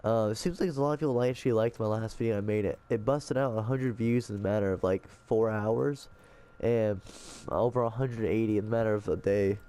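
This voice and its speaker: A man's voice: lowish voice, fairly quick, dark tone, clean tone. A man with a blocked, congested nose, breathing through his mouth, gives casual, rambling gameplay tips as a voice-over. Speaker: gaming video host. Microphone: voice-over dubbed onto game footage.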